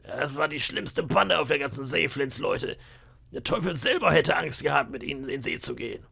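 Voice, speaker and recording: A man voicing a boastful, scheming pirate cook of about fifty, with a gravelly, raspy voice and a sly, bragging manner. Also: fairly high pitch, expressive, moderate pace, bright, forceful tone, full character voice. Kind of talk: audiobook character voice.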